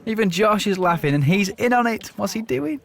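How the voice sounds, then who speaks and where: A man narrating a TV prank show in a playful, excitable scripted voice-over. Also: sits high, a little fast, vocal fry.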